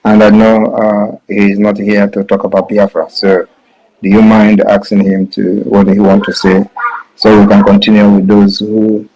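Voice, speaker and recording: A man speaking from the panel, firm and measured. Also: on the low side, monotone, mellow, dull audio, faint music behind.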